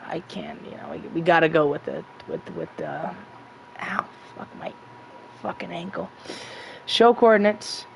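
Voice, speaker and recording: A man's voice: on the high side, huge pitch swings, unhurried, creaky, pauses often, slight background noise. Crude, rambling young gaming streamer guy. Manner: profane, rambling, self-mocking. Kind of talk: casual gameplay commentary.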